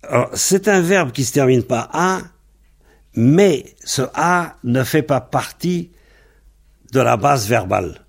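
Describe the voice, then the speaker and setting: A Breton language teacher gives a methodical, unhurried lesson in a gravelly, fry-tinged voice of medium pitch with lively intonation. He patiently works through every word, spelling it out letter by letter.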